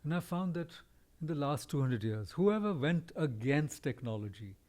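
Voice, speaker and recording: Male podcast host, mellow timbre, reflective and discursive, gently challenging. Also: on the high side, lively intonation, moderate pace. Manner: discursive, thoughtful, pushes back gently. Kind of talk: reflective conversation.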